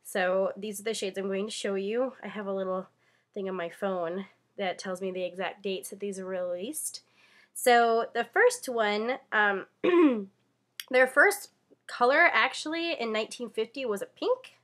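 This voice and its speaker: A young woman vlogging to camera with a congested, nasal voice from a cold, halting with many fillers. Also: medium pitch, fairly bright tone. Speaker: beauty vlogger. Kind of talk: casual chat to camera.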